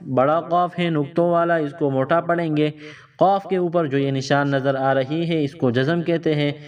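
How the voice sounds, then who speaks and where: A man teaching children to read Quranic letters, explaining each rule and then sounding out syllables slowly and repeating them twice. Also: on the high side. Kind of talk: slow spelled-out recitation lesson for kids. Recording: dull lo-fi sound from a distance.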